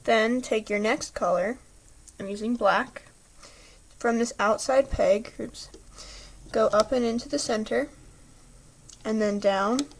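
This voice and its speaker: A woman's voice: fairly high pitch, slow pace, pauses often, a little hiss or hum. A woman patiently talking through a step-by-step craft tutorial, chatty, with small slips, apologies and a slightly throaty voice.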